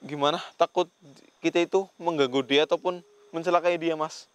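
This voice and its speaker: A ghost-hunting vlogger hosts a paranormal investigation, speaking earnestly both to a spirit and to his viewers while repeatedly saying "Mas." His voice is a little high, steady, clear, and resonant, and he talks briskly.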